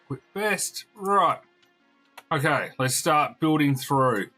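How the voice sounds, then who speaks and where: A man with a hoarse, fading voice, chatting casually on a game live stream and greeting viewers as he plays. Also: a little high, lively intonation, slow pace, sharp tone, soft background music. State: hoarse, losing his voice.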